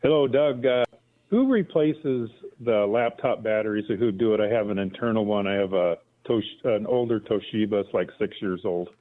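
A man phoning in to a radio show, his fairly low voice coming through thin and tinny over the phone line. He talks in halting bits and asks short, plain questions. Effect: heard over a phone line.

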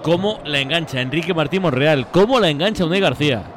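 Man, football co-commentator, high voice, live reactions and updates, slight background noise. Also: lively intonation, fast talker, a crowd in the background.

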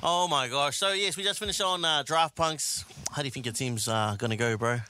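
A man hosting a casual radio show from a studio, joking, slangy and quick to laugh. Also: a little high, bright, forceful tone. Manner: laughs often, slangy and upbeat. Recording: music playing underneath.

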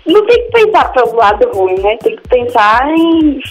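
A woman's voice: fairly high pitch, sing-song, normal speed, muffled recording, soft background music. A woman, a caller chatting casually and a little shyly in brief answers. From Belo Horizonte, Minas Gerais, Brazil. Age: 20s. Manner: shy, giggly, brief answers. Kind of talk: casual chat.

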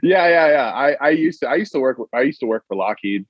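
A man's voice: mid-range voice, lively intonation, fast talker, breathy edge, no room sound. A man in his twenties from Massachusetts talks casually as a band guest over an old flip phone line, stumbling and restarting his words often. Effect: talking over an old flip phone line. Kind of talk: casual interview chat. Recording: muffled lo-fi flip phone call.

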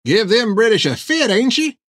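A man voicing a filthy, cackling old male beach hermit who croaks and whoops in a rustic dialect. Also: high-pitched, big pitch swings, normal speed, fairly bright tone, dry recording, studio quality, voice pushed up. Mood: rowdy.

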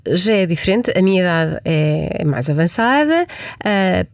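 A woman's voice: lowish voice, darkish tone, no room sound, clean studio sound. A woman in her forties with a European Portuguese accent, answering interview questions reflectively, often restarting her sentences. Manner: reflective, frequent restarts and hesitations. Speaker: podcast guest, executive.

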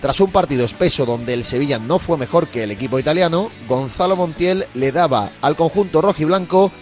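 A man's voice: a little high, a little fast. A man from reading scripted sports documentary narration. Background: music bed.

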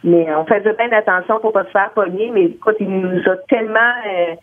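A woman with a Quebec French accent phones in to a radio show. She talks quickly and eagerly. The line is thin and tinny, and there is no room sound. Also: medium pitch, no room sound. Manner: fast, excited talker. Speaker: caller. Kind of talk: casual call-in storytelling.

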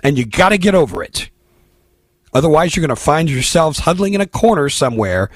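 An American man holds forth as a talk radio host, blunt and emphatic. His pitch moves widely as he exhorts his listeners, with a slightly rough, husky edge. The sound is dry and close. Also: very animated, brisk, no echo. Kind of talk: opinionated talk radio monologue.

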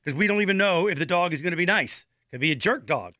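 A man's voice: high-pitched, expressive, quick pace, pushed and bright, no echo, studio quality. A man co-hosting a radio show, bantering casually, teasing his co-host and reading out listener comments.

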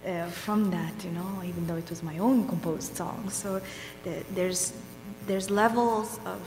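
A woman with a low-set voice speaks in a flat, even tone on a conference panel. She is reflective and halting, searching for her words as she goes. The sound comes from a large hall with long reverb and faint music behind her. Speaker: game composer and singer. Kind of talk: panel discussion.

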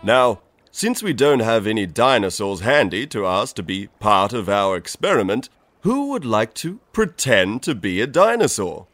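A man's voice: lowish voice, sing-song, moderate pace, fairly bright tone, no echo, soft background music. An actor playing a jolly, eccentric male science professor in a children's educational show, with theatrical, exclaiming delivery. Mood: jolly, instructive. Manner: exclaiming, theatrical, with a signature "ah, ah, ah" laugh.

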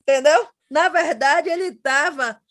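A woman guest on a podcast, telling a funny story in an animated way and laughing as she talks. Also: high voice, a little slow. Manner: animated comic storytelling, often says "my daughter". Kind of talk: casual podcast chat.

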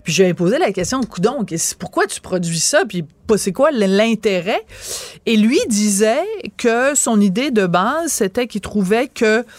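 A woman's voice: mid-range voice, expressive, normal speed, dry recording. A woman with a Quebec French accent giving a radio column, explaining things in careful, detailed storytelling. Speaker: radio columnist and show host. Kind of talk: radio commentary.

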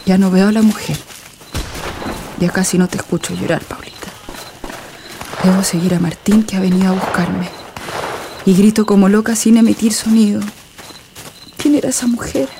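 A woman's voice: medium pitch, steady tone, moderate pace, long pauses, background noise, close to an everyday voice. An actress voicing a desperate young mother fleeing with her baby, narrating in first person for an audio drama in a breathless, grieving manner.

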